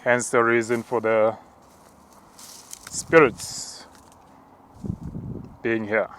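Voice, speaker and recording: A man preacher walking outdoors and narrating spiritual visions in a hushed, halting, contemplative way. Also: medium pitch, flat delivery, slight background noise. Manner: slow, hushed, halting and contemplative, with tongues-like words. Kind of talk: spoken prayer walk, narrated visions.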